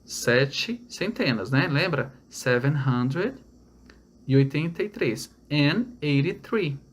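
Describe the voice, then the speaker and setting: A man's voice: on the high side, expressive. A man from Brazil giving an online English lesson, explaining step by step and checking in with his students. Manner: explains step by step, repeats numbers slowly in English; checks in with "tá?" and "olha lá". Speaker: English teacher.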